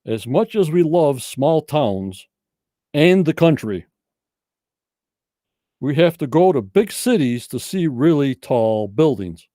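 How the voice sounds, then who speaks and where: A man's voice: on the high side, very animated, takes it slowly, pauses often, mellow, no room sound, studio quality. A man hosting a casual livestream trivia night, talking in folksy, rambling game-show patter.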